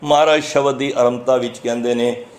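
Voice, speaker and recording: A man with a Punjabi accent giving a sermon, explaining scripture line by line in an earnest, teaching manner and drawing verses out slowly before he explains them. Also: medium pitch, fairly even intonation. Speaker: Sikh preacher giving scripture commentary.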